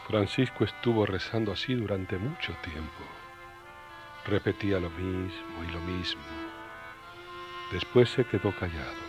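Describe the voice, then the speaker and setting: An actor narrating a religious radio serial in a folksy, old-style storytelling manner. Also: male voice, low voice, unhurried, over loud music.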